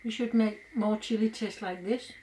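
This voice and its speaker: A woman's voice: mid-range voice, steady tone, moderate pace, dark tone, slight background noise, rough recording. A woman from Denmark, a native Danish speaker, chatting casually as she tastes food. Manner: chatty, eating while talking. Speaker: co-host tasting food. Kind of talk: casual chat.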